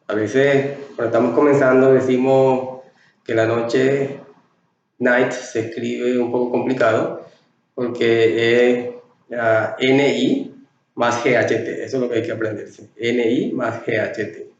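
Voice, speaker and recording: A man teaching a classroom lesson, speaking slowly and patiently. He draws out the words he wants the students to learn and keeps asking whether they follow. His voice sounds far from the mic in a very echoey room, with a dull, muffled tone. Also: mid-range voice, darkish tone. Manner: slow, explanatory, repeats key words drawn out and checks with "ok?". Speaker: English teacher. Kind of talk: classroom lesson explaining English greetings in Spanish.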